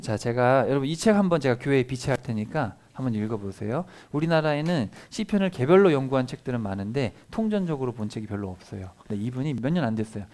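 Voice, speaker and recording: A male pastor giving a children's sermon, animated and constantly quizzing the children with questions. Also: medium pitch, fast, hardly any pauses.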